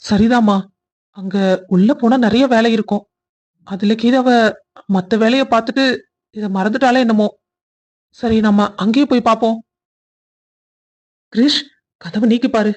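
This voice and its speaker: A woman's voice: fairly high pitch, steady tone, moderate pace, long pauses, a little mellow, muffled recording, natural voice. A woman voicing an anxious, protective old grandfather in a cartoon story, speaking in a reassuring way. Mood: worried.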